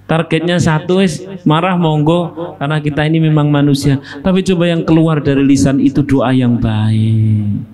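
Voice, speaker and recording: A young man with a Javanese accent giving a casual sermon on a classic book, joking and lively, slipping into Javanese and acting out quotes. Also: on the high side, moderate pace. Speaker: Islamic preacher teaching a classic book.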